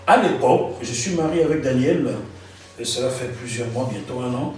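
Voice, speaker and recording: A man from Gabon recalls his past for an interviewer, animated and often repeating words as he searches for details. The mic sits some way off him, and the room rings with echo. He keeps an even, middle pitch. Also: brisk, recorded from a distance. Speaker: interview guest. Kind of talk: storytelling in an interview.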